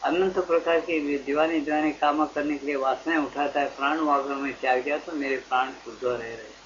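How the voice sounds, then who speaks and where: A man's voice: fairly high pitch, steady tone, a little fast, fairly bright tone. Older man giving a devotional discourse on old tape. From India. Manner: asks listeners rhetorical questions and acts out dialogues. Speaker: spiritual teacher. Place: satsang gathering hall. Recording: dull lo-fi archival tape with faint hiss.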